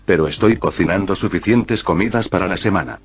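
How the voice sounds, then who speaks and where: A man's voice: low-pitched, fairly quick, husky. A man reading a fanfiction story aloud as narrator, voicing every character in his own voice. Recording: soft music behind.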